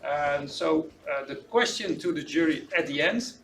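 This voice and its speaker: A man's voice: a little high, lively intonation, fairly bright tone, slight background noise. A man hosting student presentations, speaking with many hesitations as he opens the event. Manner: halting, many fillers. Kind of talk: opening remarks at an event. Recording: distant mic with music behind.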